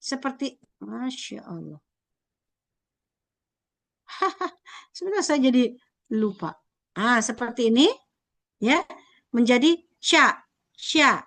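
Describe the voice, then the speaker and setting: A woman's voice: a little high, lively intonation, takes it slowly, creaky, pauses often. A young woman teaching a Japanese script lesson, repeating each sound and often checking that the class understands.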